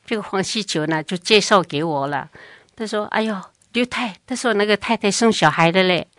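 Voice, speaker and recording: A woman's voice: mid-range voice, fairly quick, no room sound. An older woman recounting her family's past in a long oral history interview, acting out what others said. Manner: lively, acts out other people's speech.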